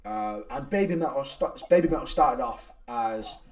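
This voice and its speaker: A man hosting a casual podcast, talking in an animated way, swearing and laughing often. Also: medium pitch, moderate pace, far from the mic. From United Kingdom. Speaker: podcast host and reaction channel creator. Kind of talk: casual chat.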